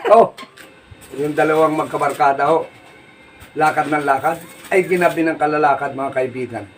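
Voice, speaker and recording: A man telling jokes in a folksy, rambling way, laughing at his own punchlines and shouting them out. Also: fairly high pitch, steady tone, normal speed. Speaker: comedy joke teller. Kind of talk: casual joke telling. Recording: distant mic with faint noise.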